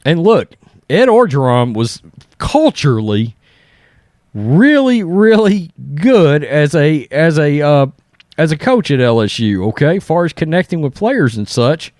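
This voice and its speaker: Male sports commentary host, conversational and blunt, higher register, dry recording. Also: big pitch swings, measured pace, a little mellow, no echo. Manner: blunt, conversational, often tags points with "okay?". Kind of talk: casual opinion commentary, reading and reacting to articles.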